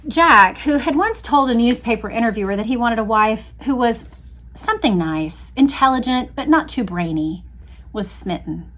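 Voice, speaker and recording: An American woman hosts a book readalong, reading history aloud and dropping in casual, conversational commentary and chatty asides. Her voice is on the high side and a bit bright, with lively intonation at normal speed.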